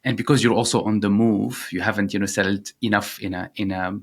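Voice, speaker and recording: Brisk and fairly even in intonation, a lowish-voiced Syrian man in his thirties discusses his work as a startup founder during an interview. He comes across as earnest and reflective, sprinkling in lots of "you know" fillers.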